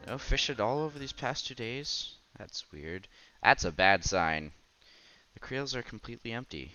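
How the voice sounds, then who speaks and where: A streamer reads a visual novel aloud over background game music, mixing narration with casual asides and breaking off to react conversationally. His mid-range voice is bright and forceful, with lively intonation at a moderate pace, though the audio is dull.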